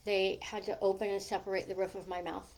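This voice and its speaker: The recording is low quality, but it captures a middle-aged or older woman coaching on a livestream, chatting loosely with viewers amid rambling asides. She speaks fast and flatly in a mid-range, darkish voice, with a lisp that makes her s whistle and slush through a gap in her teeth.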